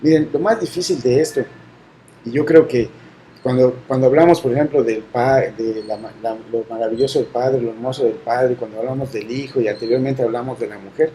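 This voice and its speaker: A middle-aged man from Mexico, telling a personal faith story in an earnest, halting way. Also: medium pitch, fairly even intonation, mellow, slight background noise, poor audio. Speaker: guest sharing testimony.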